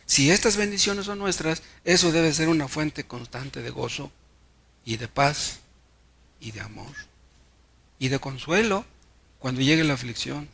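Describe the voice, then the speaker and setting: A man's voice: mid-range voice, gravelly, a bit bright, husky. A Mexican pastor preaching a sermon, telling stories and asking the congregation rhetorical questions, often repeating words as he restarts.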